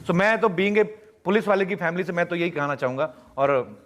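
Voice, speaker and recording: A young man from Punjab, telling animated anecdotes as an interview guest and acting out the people in them. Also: high voice, normal speed. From Punjab, India. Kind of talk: storytelling answers in a TV interview.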